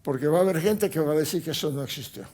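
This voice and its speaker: An older man telling his life story as a guest in a TV studio interview, speaking in halting recollection with restarts and fillers. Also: a little high, a little mellow. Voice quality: gravelly, husky voice. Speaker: interview guest, Holocaust survivor. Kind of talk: personal testimony in a TV interview.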